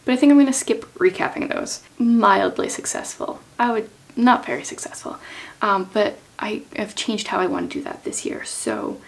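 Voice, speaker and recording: A woman talking casually and chattily as a book vlogger, thinking aloud in an informal way with a creaky voice. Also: medium pitch, big pitch swings, normal speed. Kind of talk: casual chatty talk to camera about reading plans.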